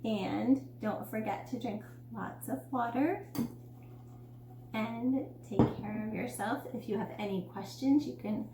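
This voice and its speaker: A woman's voice: on the high side, slow. A woman reading a picture book aloud to children and chatting casually as a dental educator. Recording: roomy room with faint hum.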